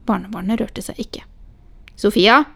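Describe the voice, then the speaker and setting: A woman reading a story aloud in a calm, measured storybook narration. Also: a little high, creaky, breathy edge. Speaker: audiobook reader.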